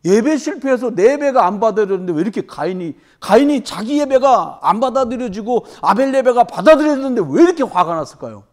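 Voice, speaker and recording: Animated woman pastor preaching. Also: on the high side, quick pace, few pauses. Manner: animated preaching with rhetorical questions to the congregation. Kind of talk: sermon. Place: church service.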